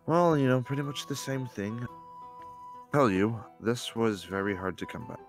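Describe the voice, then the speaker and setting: A man's voice: medium pitch, expressive, normal speed, faint music behind, pitched above the performer's own voice, lightly acted. A man voicing a cagey teenage farm boy selling crops, haggling in a casual, evasive way. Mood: salesmanlike.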